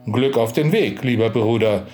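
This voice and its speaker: A man's voice: mid-range voice, moderate pace, darkish tone, soft background music, close to an everyday voice. A man voicing an old, gullible village priest who exclaims in indignant disbelief. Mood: guileless.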